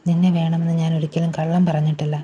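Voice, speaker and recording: A woman voicing a cold, possessive young man in a storybook romance, speaking low and controlled. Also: little pitch movement, quick pace, warm tone, slight background noise, natural voice.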